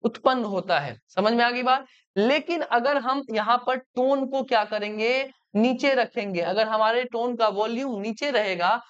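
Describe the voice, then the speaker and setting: A man's voice: high-pitched, smooth, muffled recording. A male teacher giving an online grammar lesson, often asking his students questions to check they follow. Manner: keeps asking the class questions and checking understanding.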